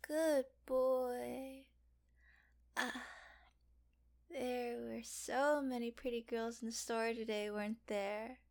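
A young woman in an intimate audio roleplay, murmuring in a hushed, teasing whisper. Her voice sits a little high with a gravelly, fry-touched texture. She speaks unhurriedly, drawing out her soft, coaxing phrases.

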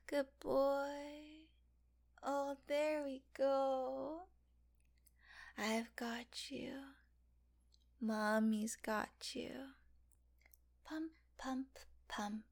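Slow whispering woman with a gravelly edge. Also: a little high. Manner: soft teasing whisper, coaxing and affectionate. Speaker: audio roleplay performer. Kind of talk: whispered intimate audio roleplay.

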